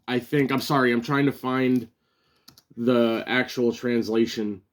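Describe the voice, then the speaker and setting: A man giving a casual solo review of a wrestling show, chatty and loose, with many fillers and bursts of excitement. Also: mid-range voice, unhurried.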